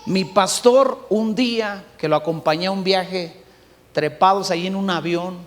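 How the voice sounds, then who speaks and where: A middle-aged Mexican pastor preaching a sermon, swinging between shouts and hushed passages. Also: male voice, high voice, unhurried, big-room sound. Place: church hall.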